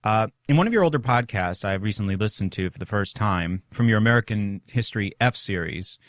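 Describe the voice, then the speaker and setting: A solo podcast host speaks into a studio mic routed through a mixer, and the recording is dry. His voice is fairly low and a bit bright, with lively intonation and a slightly fast pace. His manner is casual, conversational and self-deprecating.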